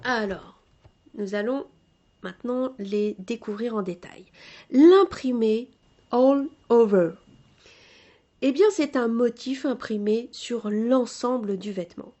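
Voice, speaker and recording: A woman hosting a podcast, reading out textile terms and explaining them in a relaxed, joking way. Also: on the high side, unhurried. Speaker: podcast host teaching textile vocabulary. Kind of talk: casual spoken vocabulary lesson.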